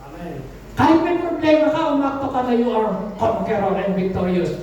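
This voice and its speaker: A woman pastor with a slightly high, warm, animated voice preaches a sermon in church at a moderate pace, often calling out to the congregation for an "Amen." The lo-fi recording sounds echoey, with the mic far away.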